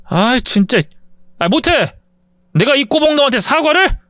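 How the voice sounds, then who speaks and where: A man's voice: extremely high pitch, big pitch swings, normal speed, a bit bright, no echo, voice pushed up, heavily acted. A man voicing an arrogant young male bully who sneers and whines. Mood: sneering. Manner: sneering, whining.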